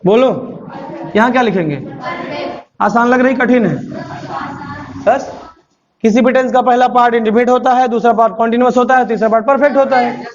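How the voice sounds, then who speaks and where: A man's voice: very high voice, a little fast, long pauses. A male teacher, giving a live classroom lecture, drilling and coaxing his students and scolding them to repeat aloud. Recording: muffled classroom recording with steady noise.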